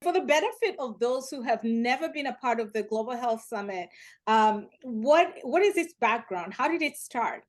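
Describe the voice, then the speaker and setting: Higher-voiced woman moderating a panel. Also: animated, moderate pace. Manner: polite, inviting.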